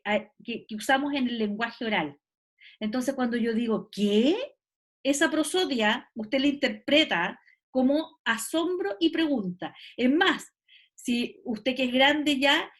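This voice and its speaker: A woman teacher gives an online class, explaining patiently and often checking that students follow. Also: sits high. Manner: explanatory, checks understanding with "¿cierto?" and "¿ya?".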